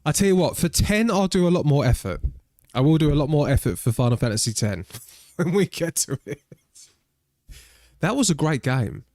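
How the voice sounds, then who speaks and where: A man's voice: a little high, lively intonation, moderate pace, long pauses, darkish tone, no echo, clean studio sound. A British man chatting casually and rambling while streaming a game. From Britain. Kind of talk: casual live-stream chat.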